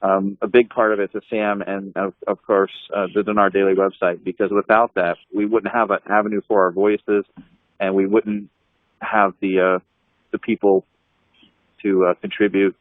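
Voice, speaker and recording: Low-voiced guy on a tinny call line, lots of ums and restarts, laughs a lot. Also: little pitch movement, moderate pace, no room sound. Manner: rambling with many fillers and restarts; laughs often while telling stories. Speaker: anti-scam blogger on a group call. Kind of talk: casual reminiscing chat. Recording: dry tinny call audio.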